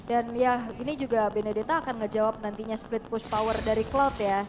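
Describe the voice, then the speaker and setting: A woman giving casual, brisk analytic color commentary on an esports match. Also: fairly high pitch, steady tone, background noise.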